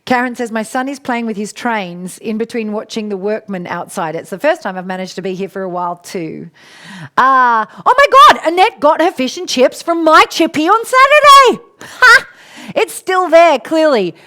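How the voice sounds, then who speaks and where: A woman's voice: a little high, big pitch swings, normal speed, bright, forceful tone. A middle-aged Australian woman hosting a casual live stream, greeting viewers by name and laughing often. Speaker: coach and live show host.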